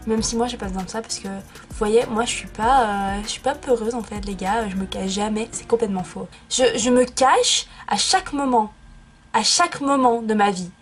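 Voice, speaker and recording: A woman's voice: on the high side, moderate pace, soft background music. A young woman chatting casually in a vlog from her bedroom, playful and self-mocking. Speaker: YouTuber.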